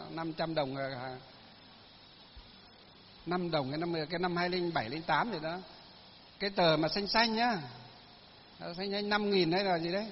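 A monk giving a sermon, telling folksy stories with many fillers. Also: male voice, fairly high pitch, a little hiss or hum. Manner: folksy storytelling, many fillers, laughs at own tales. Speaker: Buddhist monk. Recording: lo-fi recording with long hall reverb.

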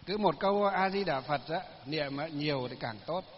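A monk giving a sermon, telling folksy stories with many fillers. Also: male voice, fairly high pitch, normal speed, slight background noise. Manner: folksy storytelling, many fillers, laughs at own tales. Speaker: Buddhist monk. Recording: lo-fi recording with long hall reverb.

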